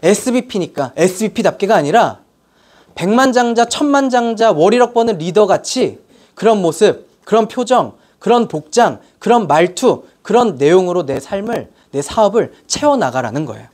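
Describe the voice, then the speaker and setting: A woman's voice: medium pitch, normal speed. A woman lecturing at a sales seminar, telling stories and questioning the audience. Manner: animated storytelling, questions to the audience.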